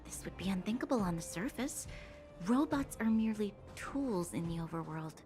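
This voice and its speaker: A woman's voice: medium pitch, animated, normal speed, a little mellow, faint music behind, lightly acted. A woman voicing an earnest, reflective young newcomer in a game. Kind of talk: game voice acting.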